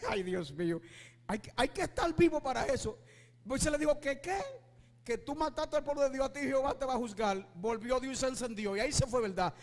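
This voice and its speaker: High-voiced impassioned preacher man. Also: lively intonation, brisk, in a large hall. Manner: impassioned, shouting at peaks, asks the congregation rhetorical questions. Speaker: pastor. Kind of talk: preaching sermon.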